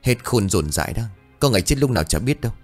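A man's voice: fairly low pitch, very animated, fast, faint music behind. Man voicing a brash scolding young man. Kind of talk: storytelling dialogue.

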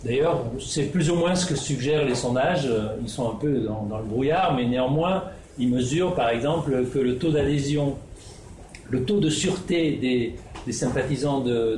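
A man presents his research in a halting way, full of fillers and restarts. His voice is mellow and warm. It sounds like an echoey room with faint background ambience. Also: mid-range voice, slight background noise. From Netherlands. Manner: hesitant, many fillers and restarts. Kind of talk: spoken presentation.

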